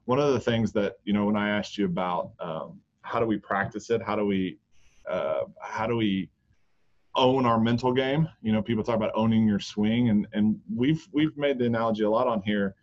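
A man's voice: fairly low pitch, normal speed. A man in his thirties, a golf coach co-hosting a podcast, chatting casually with lots of restarts. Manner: rambling, frequent restarts and fillers. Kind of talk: casual chat. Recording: dull lo-fi podcast audio.

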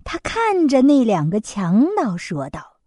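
A woman's voice: fairly high pitch, huge pitch swings, measured pace, mellow, no room sound, clean studio sound. A woman storyteller narrating a classic tale to children in a friendly, sisterly way.

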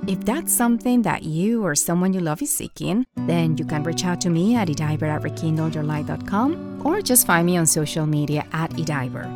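A woman's voice: low voice, expressive, moderate pace, few pauses. Woman reading a promo over guitar music. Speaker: podcast host. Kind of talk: scripted intro and ad read.

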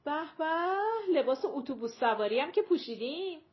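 A woman's voice: sits high, animated, muffled recording, pitched above the performer's own voice. A woman voicing a playful adult man who jokes and teases in a mock-formal way.

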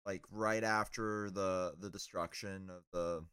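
A man's voice: deep voice, fairly even intonation, measured pace, fairly bright tone. A man co-hosting a fan podcast in casual chat, rambling with lots of fillers. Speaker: podcast co-host.

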